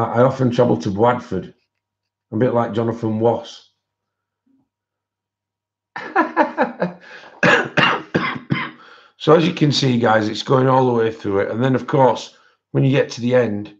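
Male livestream host, lowish voice, can't quite say his R's, informal chat, dull sound. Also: a little mellow. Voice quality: cannot pronounce his R's properly, says w for r. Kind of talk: casual live-stream chat, showing colouring books. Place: indoors at a desk, overhead camera on hands.

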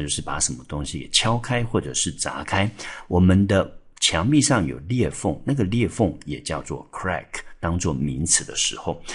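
A male English teacher from Taiwan explaining exam vocabulary step by step, spelling words out letter by letter. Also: low voice. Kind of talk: exam-prep vocabulary lesson. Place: school classroom or studio.

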